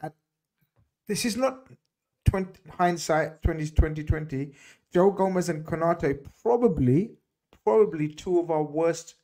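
A man's voice: a little high, unhurried, dark tone. A middle-aged man hosting a casual football chat over a video call, emphatic and repeating words for stress. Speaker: host. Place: home room, video call. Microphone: desk mic on video call.

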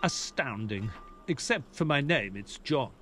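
A man's voice: medium pitch, lively intonation, unhurried, bright, forceful tone, slight background noise. An actor playing an earnest, easily baffled male ex-soldier doctor who narrates and talks in an audio drama. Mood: puzzled, amazed. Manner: hesitant, puzzled, earnest. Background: music.

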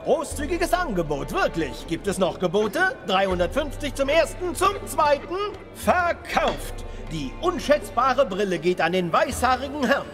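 An actor playing a showy, courteous auctioneer in a fantasy game, calling bids with formal theatrical patter. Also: male voice, very high-pitched, big pitch swings, measured pace, over music, full character voice. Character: showy, courteous male auctioneer addressing genteel guests.

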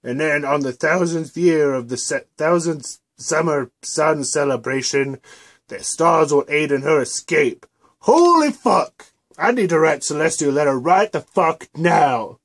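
Man doing a shrill, cursing unicorn mare. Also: unhurried. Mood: alarmed. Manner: yelling, foul-mouthed, bossy. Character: shrill, furious young mare unicorn scholar. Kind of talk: parody cartoon dub.

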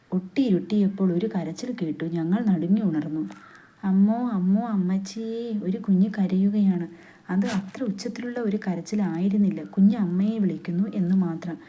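A woman reading a literary story aloud in a steady, unhurried narrating voice, with dialogue quoted along the way. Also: fairly low pitch. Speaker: story reader.

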